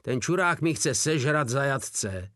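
A man's voice: medium pitch, expressive, fairly bright tone, no room sound, studio quality, close to an everyday voice. A man voicing a hulking, foul-mouthed soldier who bellows crude threats. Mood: rowdy, crude.

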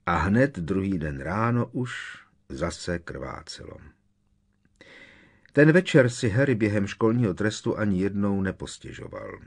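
A male narrator reads a novel aloud in a measured, expressive way. His voice is very low, with a husky, slightly rough texture. The telling is steady and engaged. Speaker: audiobook narrator. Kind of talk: audiobook narration.

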